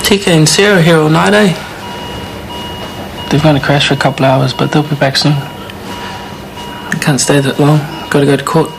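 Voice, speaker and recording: Young man, broad Kiwi accent, guilt-ridden and loyal, fry in a lightish voice, naturalistic soap role. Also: on the high side, steady tone, normal speed, long pauses. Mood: low-key. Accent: broad New Zealand. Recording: noisy TV soap scene.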